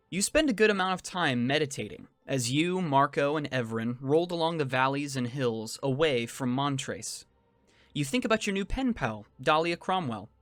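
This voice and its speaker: A man narrating a tabletop fantasy game as game master, in measured, descriptive second-person storytelling. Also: medium pitch, a bit bright, no room sound. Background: faint music.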